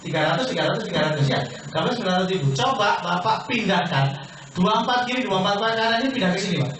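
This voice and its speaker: Recorded from far off in a very echoey hall with a little hiss or hum, this business opportunity presenter speaks very fast in a high, somewhat bright voice. He persuades his meeting-hall audience by asking questions and answering them himself, repeatedly addressing them as "Pak."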